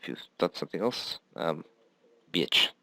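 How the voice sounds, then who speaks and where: A man's voice: low-pitched, lively intonation, moderate pace, creaky, bright, forceful tone, no echo. A man giving rambling, casual commentary on his own strategy game, swearing often and laughing at himself.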